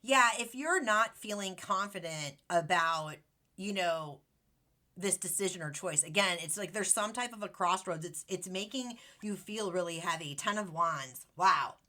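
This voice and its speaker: Woman tarot reader, casual and gushing, talks straight to her viewers with a crisp, bright voice. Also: on the low side, a little slow. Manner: bubbly, chatty, affectionate, many fillers and "like".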